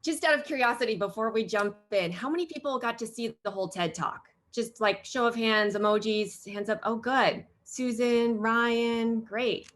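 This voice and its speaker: A woman's voice: a little high, normal speed, few pauses, fairly bright tone. A woman hosting and moderating a virtual fireside chat, upbeat and welcoming. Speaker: host and moderator.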